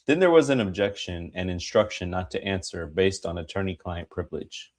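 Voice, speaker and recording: A man giving a dramatic reading of a court transcript as an attorney, formal and emphatic, with a gravelly, husky voice. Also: low voice, fairly quick. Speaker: reader voicing an attorney in a hearing.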